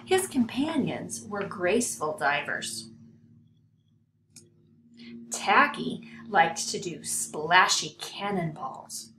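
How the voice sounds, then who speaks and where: Slow-paced older woman reading a storybook. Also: lowish voice, animated, sharp tone. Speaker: storybook reader. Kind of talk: read-aloud children's story narration. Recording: roomy home recording, some hiss.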